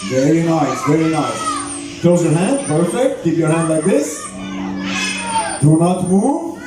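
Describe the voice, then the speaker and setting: High-voiced male animal show trainer, very echoey. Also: lively intonation, measured pace, a crowd in the background. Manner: showman addressing audience with questions and commands. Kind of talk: live bird show presenting to an audience. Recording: very echoey venue, distant, music behind.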